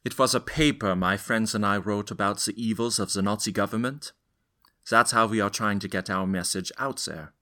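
A man voices an earnest young student rebel in his twenties, calmly laying out his plans piece by piece. His voice sits a little low but rings bright and forceful. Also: normal speed. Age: 20s. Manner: earnest, explains step by step. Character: earnest young male student resistance leader. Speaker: interview guest. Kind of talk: dramatized historical interview.

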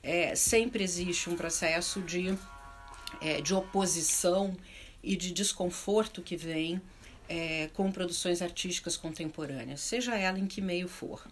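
A middle-aged woman with a southern Brazilian accent speaks unscripted on an arts and culture panel, reflective and often hunting for words as she rephrases. Her voice is on the low side and a little slow, with soft music in the background.

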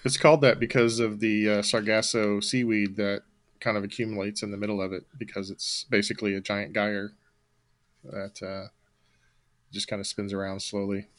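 Guy running a trivia night, calm, explains stuff, bit of um and uh. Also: fairly low pitch, normal speed. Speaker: quiz host. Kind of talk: casual trivia chat.

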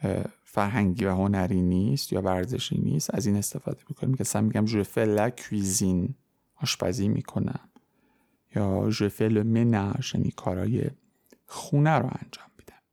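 A man hosting a podcast language lesson, explaining grammar patiently and slowing down for careful example sentences. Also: fairly low pitch, vocal fry, a little mellow. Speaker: French teacher.

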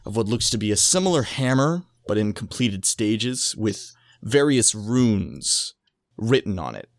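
A man's voice: lowish voice, very animated, unhurried, vocal fry, dry recording, studio quality. A man playing a tabletop role-playing game, describing his character's actions as improvised storytelling.

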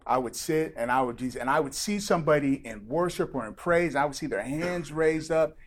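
A man preaching a sermon as pastor, reading scripture and then talking to the congregation in a lively, conversational way. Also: fairly high pitch, a little fast.

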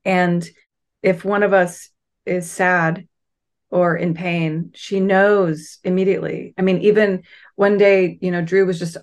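A woman's voice: fairly low pitch, flat delivery, measured pace. A woman chatting in an enthusiastic, affectionate way and asking for advice. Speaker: guest asking questions. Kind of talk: casual chat.

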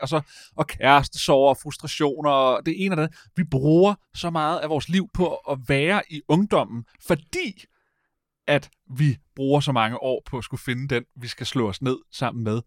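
A man in casual conversation as a podcast host, rambling and animated, often stopping to correct himself. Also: mid-range voice, no room sound, studio quality. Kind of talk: casual chat.

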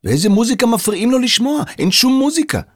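A man's voice: a little high, wildly swooping pitch, husky, dry recording, clean studio sound, pitched above the performer's own voice, heavily acted. A man voicing a curious, polite young boy in a children's audio story.

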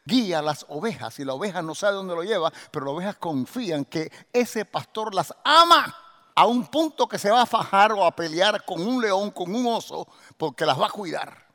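A man preaching a sermon, asking the congregation rhetorical questions and swinging from quiet teaching to loud, shouted exhortation. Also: sits high, lively intonation, moderate pace. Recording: long hall reverb.

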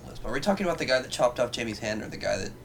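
A man's voice: medium pitch, animated, racing, gravelly, a bit bright, husky. A man chatting casually as a co-host, talking hesitantly and sounding unsure. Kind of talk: casual fan discussion.

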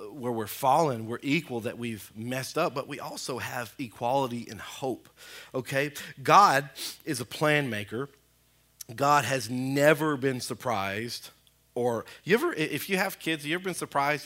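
A man, a pastor preaching a sermon in a church in a lively, conversational way with frequent asides to the congregation. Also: medium pitch. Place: church sanctuary.

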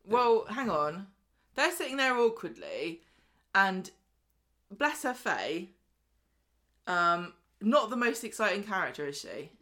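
A woman's voice: medium pitch, sing-song, bright, forceful tone. A woman co-hosting a podcast, chatting casually about a soap opera and acting out the characters' lines. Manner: chatty, acts out characters' lines in quick voices. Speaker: podcast co-host. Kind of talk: casual chat recapping a soap.

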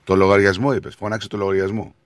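A man's voice: on the low side, little pitch movement, no echo. A man co-hosting a radio show, reading listener messages and answering in dry, laid-back banter.

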